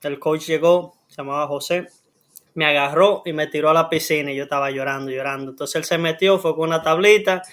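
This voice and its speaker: A young man with a Dominican Spanish accent, pitched a little high. He tells stories in a relaxed, chatty podcast-guest way and acts out little sounds as he goes. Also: a little fast. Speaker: guest, Olympic swimmer. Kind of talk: casual storytelling.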